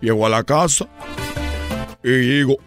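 A man with a Cuban accent telling a comic story on a radio show in an animated way, often adding "chico". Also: medium pitch, unhurried, over music. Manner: animated, keeps saying "chico".

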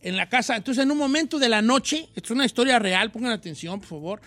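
High bright-voiced man telling a story. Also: fast, no room sound, soft background music. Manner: animated slangy storytelling, acts out voices. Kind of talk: casual storytelling chat.

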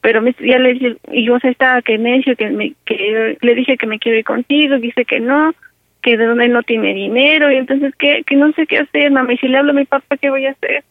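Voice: high voice, fairly even intonation, moderate pace, no echo. A performer playing a distraught young wife who rambles and pleads with her mother over a phone line. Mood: pleading. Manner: pleading, tearful rambling with many restarts. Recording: narrow phone line, dry.

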